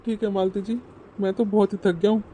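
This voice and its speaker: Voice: mid-range voice, level tone, fairly quick, dark tone, a little hiss or hum, lightly acted. A voice actor playing an agreeable middle-aged husband in a cartoon, speaking with easy contentment. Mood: content.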